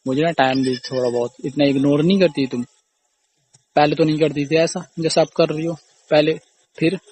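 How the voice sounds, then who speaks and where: On a recorded phone call, a young man, the boyfriend or husband, argues casually in an accusing, repetitive, aggrieved way. His voice is fairly high and darkish, with fairly even intonation and normal speed, plus slight background noise.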